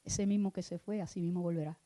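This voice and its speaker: Woman minister, lower voice; fervent sermon that swings between hushed prayer and loud exhortation. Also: steady tone, quick pace.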